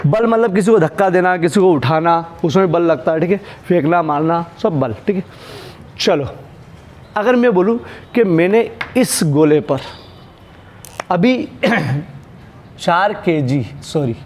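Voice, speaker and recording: A male physics teacher lectures his class in a high-ish, darkish voice, with slight noise behind him. He fires questions at the students and answers them himself, calling them "beta" and "bhaiya" while handling props to explain.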